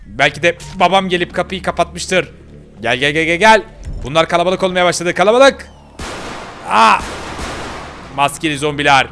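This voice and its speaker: A man's voice: a little high, expressive, moderate pace, long pauses, sharp tone, slight background noise. A man voicing a brave, determined young girl in a game role-play, bossy and urgent as she scolds her companion. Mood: tense.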